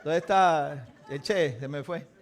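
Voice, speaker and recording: A man's voice: on the high side, slow pace. A man teaching a live Bible lesson, asking his audience questions and acting out the voices of biblical figures. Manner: animated, asks the audience questions, acts out quotes. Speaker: teacher of a Torah portion study.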